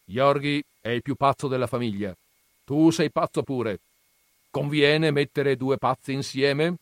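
A domineering old grandfather bellows his judgments, voiced by a male reader. The voice is raised and forceful, declaiming each line for the whole family. The recording is dry and close, with no room sound. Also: medium pitch, unhurried, no echo, voice pushed up, natural voice. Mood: gruff, commanding.

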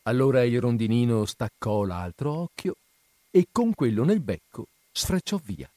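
A man narrating a fairy tale in an expressive, measured way. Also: mid-range voice, no echo. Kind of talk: storybook reading.

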